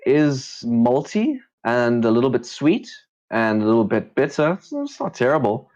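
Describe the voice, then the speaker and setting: A man's voice: mid-range voice, big pitch swings, moderate pace, a little mellow, muffled recording. A man working as a game master, improvising narration for a tabletop roleplaying game.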